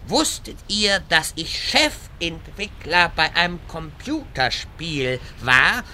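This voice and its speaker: Fantasy comedy wizard: male actor, long-winded and self-important, piercingly bright, slow delivery, faint noise. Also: a little high, sing-song, full character voice. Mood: chatty, self-important. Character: rambling pompous male wizard obsessed with portals. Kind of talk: scripted fantasy comedy dub.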